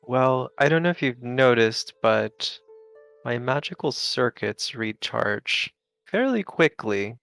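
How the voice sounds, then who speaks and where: A man voicing an earnest male magic user in a tabletop game, measured and slightly formal. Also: mid-range voice, lively intonation, creaky, fairly bright tone, clean tone, soft background music, heavily acted. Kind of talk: in-character tabletop role-play.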